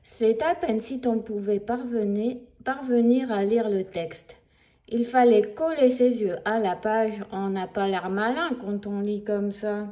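A woman reading a children's book aloud in a playful, animated storytelling voice with sound effects. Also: mid-range voice, measured pace. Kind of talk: expressive read-aloud for children.

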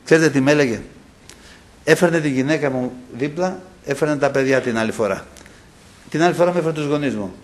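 A man preaching a sermon. He speaks with passion, acts out the voices in the stories he tells, and keeps calling his listeners brothers. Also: on the high side. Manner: impassioned preaching, acting out quoted voices, often addressing "brothers". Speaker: pastor.

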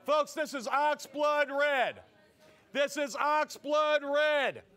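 A shopping show host with a high voice repeats his sales pitches rapidly, urging viewers to yell "sold."

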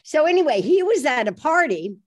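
A woman author being interviewed, telling behind-the-scenes stories in a lively, animated way and laughing easily. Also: high-pitched, fairly quick. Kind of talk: anecdotal storytelling in conversation.

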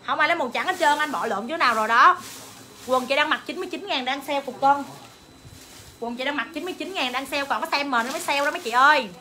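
A young woman, hawking clothes on a livestream with rapid, excited calls to viewers and her staff. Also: high-pitched, a little hiss or hum. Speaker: online clothing seller. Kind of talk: livestream sales pitch.

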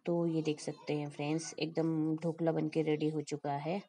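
A woman's voice: deep voice, level tone, normal speed, warm tone, husky. A woman cooking vlogger chatting through a home recipe, addressing her viewers as friends. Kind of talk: casual recipe walkthrough voice-over. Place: home kitchen.

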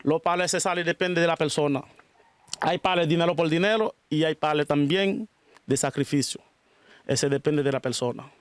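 Dominican man, high-pitched, dry recording, casual interview, says mijo a lot. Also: moderate pace, smooth, dry recording. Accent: Dominican Spanish. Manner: calls people mijo and mija, repeats blessings. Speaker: spiritual worker interviewed.

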